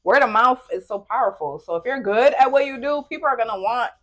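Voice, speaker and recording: A young woman co-hosting a podcast, chatting casually and telling stories with lively acted-out quotes. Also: a little high, fairly quick. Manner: animated storytelling, acts out her own quoted lines. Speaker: podcast co-host.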